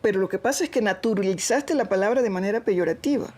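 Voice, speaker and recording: A woman with an Ecuadorian Spanish accent, speaking in a thoughtful, measured way in a documentary interview. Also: mid-range voice, a little mellow, slightly rough.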